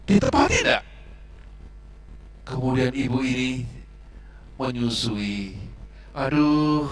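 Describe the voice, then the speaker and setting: A man teaching Sunday school, telling a Bible story to children with animated, dramatic swings, in an echoey church hall away from the mic. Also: mid-range voice, recorded from a distance.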